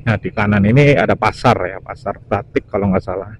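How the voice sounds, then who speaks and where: A young motovlogger chats casually with viewers while riding his motorcycle on a highway, his voice fairly low and fairly quick. His helmet-mounted mic clearly picks up engine and traffic noise.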